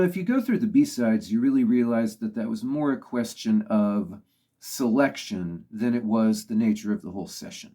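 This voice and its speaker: A man's voice: lowish voice, warm tone. A man talking through his opinions on songs in a thoughtful, casual way, leaning on "you know" as he goes. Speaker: music reviewer. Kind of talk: casual spoken commentary.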